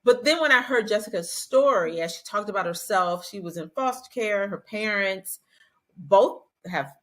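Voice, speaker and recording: A woman's voice: medium pitch, animated, normal speed, a bit bright. A woman hosting a podcast, chatting casually and animatedly, acting out quotes in a raised voice. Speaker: podcast host. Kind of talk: casual chat about a reality show.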